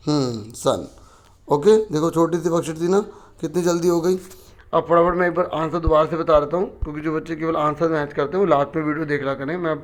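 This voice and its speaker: A man, a teacher patiently explaining a school worksheet, asking questions and answering them himself. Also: fairly high pitch.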